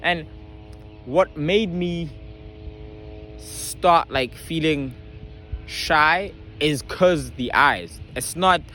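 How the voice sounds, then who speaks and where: A man's voice: a little high, extremely slow, long pauses, sharp tone, slight background noise. A young man vlogging casually. He talks in slang, with a stutter and frequent restarts. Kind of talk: casual storytelling to camera.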